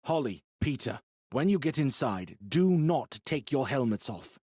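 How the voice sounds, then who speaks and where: A man voicing a calm male expedition leader who explains things steadily and earnestly. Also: medium pitch, a little slow, breathy edge, dry recording, studio quality, pitched above the performer's own voice.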